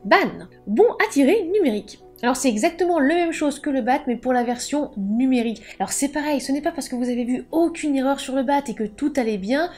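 A woman with a fairly high, warm and mellow voice presents a casual book video. She explains things in a playful manner and drops jokey asides. Faint music plays underneath. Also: animated, fairly quick, hardly any pauses. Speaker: book vlogger and author.

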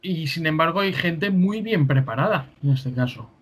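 A man in his thirties hosts an interview over a video call. His voice sits a little high for a man, and he frames his questions in a brisk, leading way. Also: lively intonation, breathy edge. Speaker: host.

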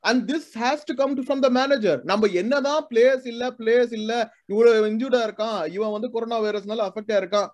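A man's voice: extremely high pitch, steady tone, rapid-fire, few pauses, a little mellow. A man with a Tamil accent debating as a football fan panelist, emphatic and full of rhetorical questions, mixing two languages. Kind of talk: animated debate in mixed Tamil and English. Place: video call.

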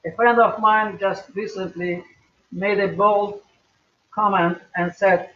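An older man preaching a recorded sermon at home in a slow, measured way with emphatic rises. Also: high voice, fairly even intonation, fairly bright tone. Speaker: pastor. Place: small home room, indoors. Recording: echoey, distant, dull webcam audio.

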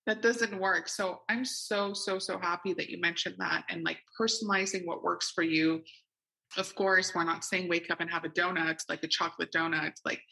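A woman's voice: on the low side, creaky, pushed and bright, low-quality recording. A woman hosting a coaching podcast, enthusiastic and affirming as she chats with her guest. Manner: enthusiastic, affirming, laughs often. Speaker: podcast host. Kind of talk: casual interview chat.

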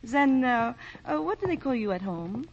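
An actress playing a flirtatious, teasing aristocratic countess in 1940s radio acting. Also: female voice, fairly high pitch, big pitch swings, moderate pace. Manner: coquettish, teasing. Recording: dull 1940s radio broadcast.

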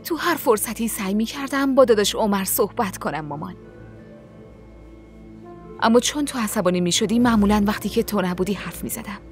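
An actress dubbing a frustrated young wife in a TV drama, reproachful and pleading. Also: female voice, mid-range voice, lively intonation, faint music behind, close to an everyday voice. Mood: defensive. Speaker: dubbing actor. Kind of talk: dubbed TV drama dialogue.

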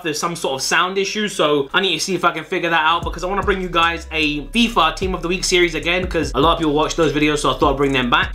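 A man's voice: high voice, bright, forceful tone. A man in his thirties hosting a video, chatting casually to camera. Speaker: video channel host. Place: small indoor room with display cabinets, seated at a desk.

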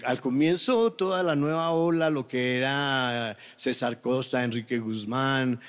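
A man's voice: medium pitch, measured pace. Older man belting rock and roll. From Mexico. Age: 70s. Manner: shouted rock singing, then soft modest replies. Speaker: contestant. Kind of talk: rock and roll singing and casual chat. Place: large TV studio stage with live band. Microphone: handheld stage microphone on stand. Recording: loud band and studio audience.

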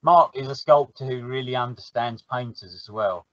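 A man's voice: medium pitch, moderate pace, fairly bright tone, no room sound. Casual South London man, rambling and good-humoured; dry, slightly muffled audio. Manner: chatty, laughs easily, trails off and restarts. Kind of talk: casual chat.

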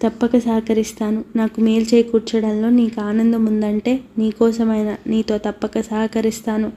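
A wistful young woman with a hidden secret, read by a woman narrator in an audiobook. Her voice stays almost level in pitch, with a mellow, darkish tone. She sounds soft and resigned. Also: completely flat delivery, normal speed, natural voice.

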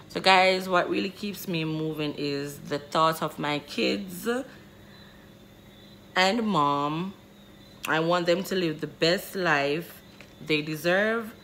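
A woman in her twenties talks straight into her phone camera in a small bedroom, addressing her viewers warmly as "guys" and circling back over her own sentences. Her voice sits low and her delivery is unhurried. Faint room noise hums under the close phone recording. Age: 20s. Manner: chatty, addresses viewers as guys, rambling restarts. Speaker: vlogger. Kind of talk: casual vlog talking to camera.

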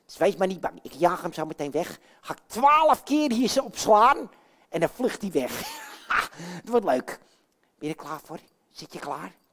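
A woman's voice: on the low side, very animated, unhurried, a bit bright, heavily acted. A woman playing Jan Klaassen, a blustery puppet man. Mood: playful. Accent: Dutch. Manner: blustery, chatty, talks to the children. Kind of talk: children's puppet show.

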